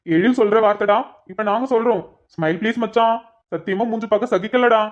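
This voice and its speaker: A woman's voice: mid-range voice, fast talker, lightly acted. A woman voicing a male friend in a cartoon who complains and teases in banter. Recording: dull lo-fi recording.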